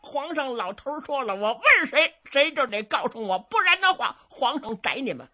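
A woman's voice: high voice, sing-song, normal speed, pushed and bright, exaggerated voice. A woman voicing a naive, simple-minded young giant of a man, with a childlike, blunt, cheeky way of asking questions.

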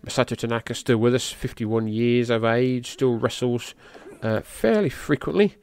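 The recording is dry and his tone clean as a middle-aged podcast host, a native English speaker, talks at a moderate pace through a match. His play-by-play is loose and rambling, sprinkled with casual swearing, and he gets excited at the high spots.

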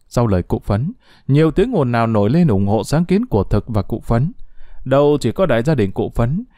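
A man reading a short story aloud as a storyteller, expressive and lively, close to the mic. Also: no room sound. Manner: expressive reading with lively pitch, voicing quoted characters. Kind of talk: scripted narration of a short story.

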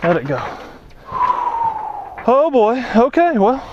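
A young man filming his magnet fishing outdoors on a lake dock, chatty and excitable, talking to his viewers. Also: very high voice, slow, dull audio, heavy background noise. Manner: excitable, chatty, keeps addressing viewers as boys. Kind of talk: excited outdoor vlog commentary. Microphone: action camera worn on the body.

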